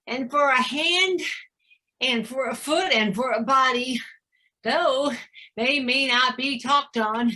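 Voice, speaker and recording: An actress playing a fussy, aging nurse with a Southern US accent, complaining about her aches and teasing in drawn-out verse. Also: high-pitched, pushed and bright, exaggerated voice. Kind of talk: stage acting of verse drama.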